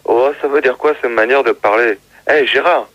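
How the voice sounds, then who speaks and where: Male caller, mid pitch, pushy and interrupting, dull radio line. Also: moderate pace, fairly bright tone, dry recording. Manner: argumentative, keeps interrupting. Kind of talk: radio phone-in banter.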